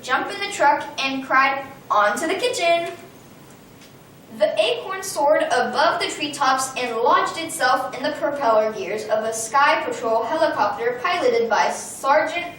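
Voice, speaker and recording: A woman reading a children's picture book aloud in a lively way, with small slips now and then. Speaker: storyteller. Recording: very echoey room, far from mic, faint rumble.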